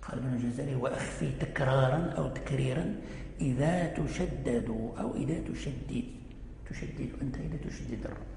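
Gravelly male Quran teacher, echoey hall. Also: mid-range voice, mellow, slight background noise. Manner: chants example words slowly, explains in plain speech. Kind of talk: lecture on Quran recitation rules.

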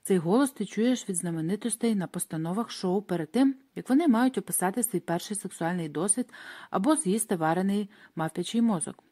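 A woman reads a first-person audiobook aloud at a mid pitch. Her delivery is dramatic and expressive, and she leans into the tense moments. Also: fairly quick. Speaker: audiobook narrator.

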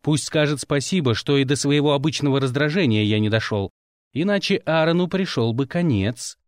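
A man's voice: mid-range voice, moderate pace, no room sound. A man reading a first-person audiobook with dry, wry storytelling. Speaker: audiobook narrator.

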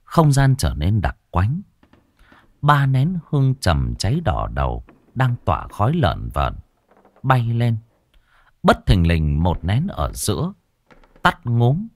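A man narrating a ghost story in a slow, dramatic, suspenseful way. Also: fairly low pitch, wildly swooping pitch, a little mellow, no room sound. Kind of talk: scripted horror narration.

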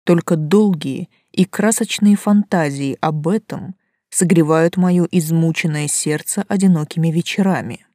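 Mellow low mocking forest spirit guy, a woman reads him, calm and creepy, dry sound. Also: measured pace, dry recording. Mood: teasing. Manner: calm, teasing, quietly menacing.

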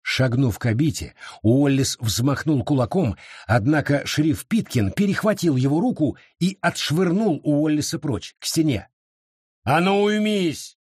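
A male audiobook narrator with a husky, slightly higher voice, reading dramatically with lively swings in pitch. The sound is dry and close to the mic. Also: normal speed, no echo.

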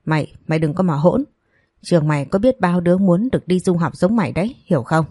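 A woman's voice: fairly low pitch, lively intonation, quick pace, warm tone, dry recording, clean studio sound. Woman voicing a furious, abusive middle-aged mother. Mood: furious scolding. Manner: screaming insults, scolding.

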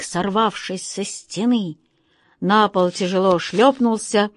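A woman narrating a children's audiobook in a slow, expressive storytelling manner. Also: mid-range voice, no room sound, studio quality.

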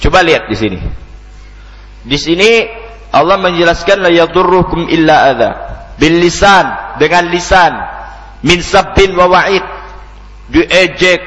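A man preaching a Quranic exegesis sermon, moving between chanted Arabic recitation and lively, colloquial storytelling. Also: high voice. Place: lecture hall of an Islamic study center. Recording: long hall reverb, dull lo-fi sound.

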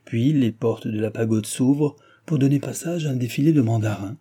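A man's voice: mid-range voice, moderate pace, mellow, slightly rough, lightly acted. A man voicing a witty, flirtatious royal mistress in an audiobook, raised and coaxing. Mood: pleased. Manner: playful, coaxing.

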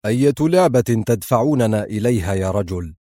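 A man's voice: mid-range voice, quick pace, mellow, dry recording, clean studio sound, natural voice. A man voicing a stern, angry male head of state in an audiobook, speaking with force. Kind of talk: audiobook character voice.

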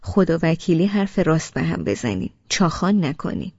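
A woman voicing a playful older matriarch who jokes with warmth and mischief. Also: low-pitched, big pitch swings, vocal fry, husky, dry recording, lo-fi sound, full character voice. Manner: playful, joking.

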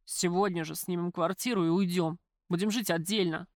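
A woman's voice: on the low side, steady tone, moderate pace, a little mellow, dry recording, natural voice. A spoiled young man talks back to his father in a sullen, grumbling way, as a woman narrator reads him. The read is close and dry. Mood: defiant. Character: sulky young man, a spoiled newlywed son.

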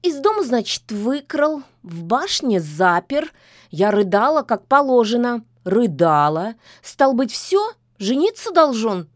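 Lady putting on a squeaky spoiled storybook girl, sniffly and whiny, pitch way up, dry close sound. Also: very animated, slow pace, no echo. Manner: whining, sobbing complaints. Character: plump weepy maiden, whiny and self-centred.

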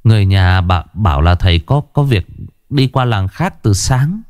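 A man's voice: lowish voice, slow pace, no room sound, clean studio sound. A man voicing a timid young male servant who stammers and pleads nervously to his master. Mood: anxious.

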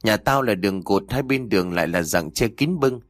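Man voicing a gruff cursing gang boss. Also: lowish voice, animated, fairly quick, no echo, clean studio sound, close to an everyday voice. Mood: uneasy. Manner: cursing, scolding, bossy. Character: gruff hot-tempered male gang boss, middle-aged.

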